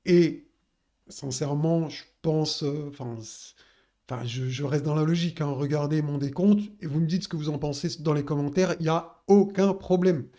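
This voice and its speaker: A man's voice: fairly high pitch, steady tone, moderate pace, mellow. A man talking casually through a crypto chart analysis, addressing viewers directly with many fillers.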